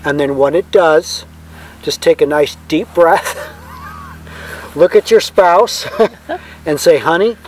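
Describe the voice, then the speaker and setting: A man with a slightly high voice co-hosts a vlog. He talks casually to the camera, offering advice in a folksy, reassuring manner. A faint vehicle-like noise sits behind him. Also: takes it slowly, long pauses. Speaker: vlog co-host.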